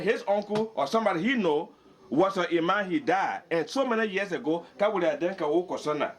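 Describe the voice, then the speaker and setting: An older man gives an impassioned speech at a community meeting, pressing his points, repeating words and slipping into a local language. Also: high voice. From Liberia.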